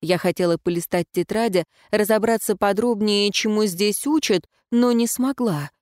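A woman reading a first-person story aloud in an even, reflective narration. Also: mid-range voice, normal speed, no echo, clean studio sound. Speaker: audiobook narrator.

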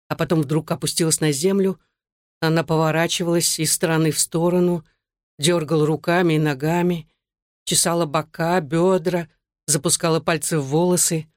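Low-voiced woman narrating an audiobook. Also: steady tone, fairly quick, darkish tone, no echo, studio quality.

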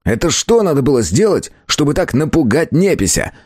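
Male reader as a gruff, barking curator, blunt and pushy, lively delivery. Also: fairly high pitch, fairly quick, dry recording, clean studio sound, pitched above the performer's own voice. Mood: angry amazed.

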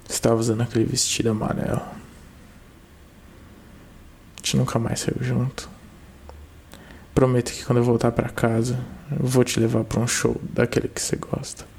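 A man's voice: medium pitch, monotone, a little fast, gravelly, a little mellow, slight background noise, lightly acted. A man playing a remorseful husband leaving pleading voicemails for his missing wife. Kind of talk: short film drama acting.

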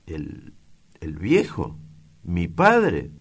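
Male narrator as a brooding, curt young gaucho landowner's son, deep. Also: lively intonation, slow pace, darkish tone, full character voice. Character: sullen aggressive young ranch heir.

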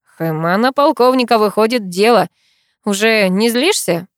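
A woman's voice: medium pitch, animated, normal speed, clean tone, no room sound, lightly acted. Woman reading a teasing male friend. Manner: dry, teasing, grumbling.

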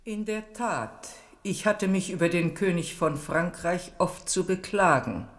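An actress playing a shrewd, imperious English queen in a radio drama, deliberate, regal and sardonic. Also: on the low side, animated. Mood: imperious complaint. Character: Queen of England, older female, shrewd, imperious, cutting. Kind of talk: German radio drama acting.

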